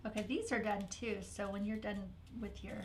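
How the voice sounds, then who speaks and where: A woman's voice: medium pitch, fairly even intonation, normal speed, a little hiss or hum. A woman hosting a live craft show, chatting playfully and joking with her co-host as she works. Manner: chatty and playful, jokes and laughs often.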